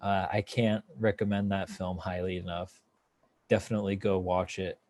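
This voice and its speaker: A man's voice: low-pitched, flat delivery, moderate pace, a little mellow, no room sound. A man hosting a casual film review chat, talking with enthusiasm and rambling through fillers and restarts. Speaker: podcast host.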